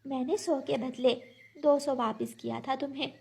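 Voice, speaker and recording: A woman doing a soft firm little sparrow. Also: sits high, steady tone, moderate pace, vocal fry. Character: small hardworking female sparrow, firm.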